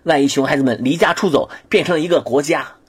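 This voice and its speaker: A man's voice: a little high, fast talker, breathy edge. A man telling a satirical comedy monologue in a mock-serious, exaggerated storytelling manner. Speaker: comedic narrator.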